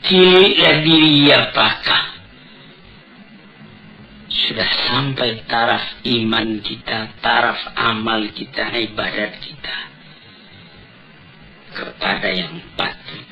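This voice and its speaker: A man preaching a sermon on an old cassette tape recording, deliberate and emphatic, asking rhetorical questions. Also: mid-range voice, creaky, music in the background, rough recording.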